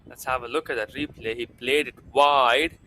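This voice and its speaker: A man's voice: medium pitch, steady tone, normal speed, sharp tone, slight background noise. A man with an Indian accent giving live cricket commentary in formal, announcer-like phrasing.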